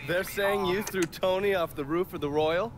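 An actor playing a calm male intelligence ally with dry wit, asking measured, probing questions. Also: high voice, natural voice. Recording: game audio with crowd-like background.

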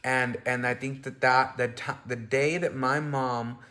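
Man in his thirties from the US, co-host, speaks earnestly with a mid-pitched voice and many fillers, recorded on a phone at arm's length at home. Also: fairly even intonation, takes it slowly, bright, forceful tone. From United States. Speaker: co-host, husband. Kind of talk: casual bilingual chat. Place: indoors on a couch at home.

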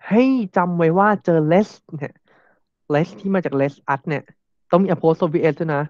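A man's voice: fairly high pitch, measured pace, darkish tone, no echo, muffled recording. A man teaching a classroom grammar lesson, explaining step by step and repeating examples.

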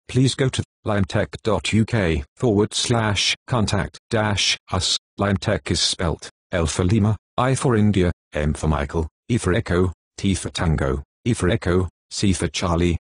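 A synthetic adult male AI narrator voice with a British English accent, reading scripted product narration in a measured way. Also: deep voice, husky, no echo. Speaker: text-to-speech narrator.

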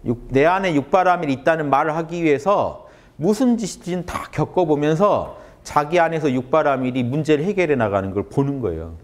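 A man's voice: fairly high pitch, brisk. A man lecturing on Buddhist teachings to an audience, often stopping to ask them questions. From Korea. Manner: animated, asks the audience questions.

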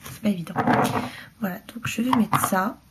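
A woman's voice: mid-range voice, normal speed, very noisy. A young woman with a stuffy nose, chatting casually through a nail tutorial at home and dropping to murmurs as she works. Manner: chatty, hesitant, drops to a murmur while working. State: congested, talking through her nose. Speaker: beauty vlogger.

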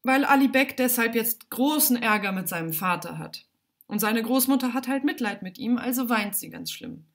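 Woman voicing a gentle storybook mom, calm, soft-spoken. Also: on the high side, moderate pace. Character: gentle mother of a small boy.

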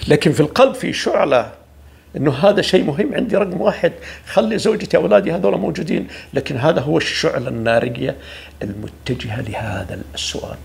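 A man giving an informal religious talk, preachy and lively, often acting out the voices of people he quotes. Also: on the high side, fast talker, vocal fry. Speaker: religious speaker.

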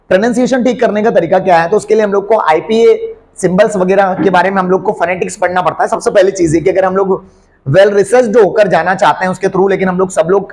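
A man teaching a class, lively and urging his students on. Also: high voice. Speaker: English teacher. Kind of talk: classroom lesson.

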